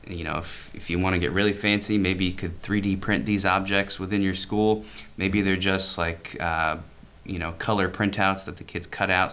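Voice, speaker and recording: Man, podcast co-host, teacher, deep voice, smooth clear tone, casual rambling chat. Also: a bit bright. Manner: rambling, self-correcting, laughs easily.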